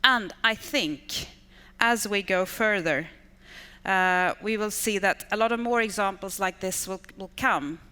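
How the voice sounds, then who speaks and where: A Swedish woman in her fifties, an education manager and native Swedish speaker, gives an enthusiastic English talk in a large conference hall, stacking repeated intensifiers like "really, really." Her mid-range voice is smooth and sharp-toned, with a measured pace. The hall is reverberant, with a long decay.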